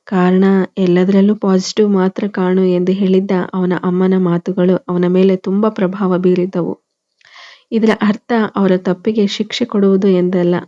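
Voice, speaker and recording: A woman narrating a love story in a measured, even reading. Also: mid-range voice. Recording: dull lo-fi recording.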